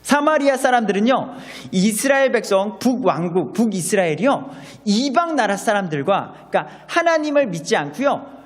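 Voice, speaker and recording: A man preaching a sermon as pastor, animated and acting out quoted voices. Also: high-pitched, in a large hall.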